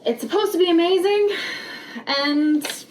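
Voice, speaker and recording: A woman's voice: very high-pitched, noisy background. A woman giving a chatty, dramatic casual vlog review, speaking from under a bag over her head. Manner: chatty, dramatic emphasis with drawn-out, repeated words. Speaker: YouTube host. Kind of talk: casual rant-style product review vlog.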